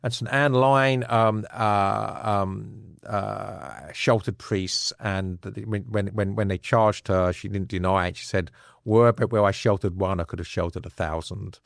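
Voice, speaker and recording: Interview guest, man with a lowish voice, dry close sound, earnest and halting. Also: steady tone, creaky, no echo. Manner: frequent fillers and restarts, earnest. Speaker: author and scholar guest. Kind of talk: conversational interview storytelling.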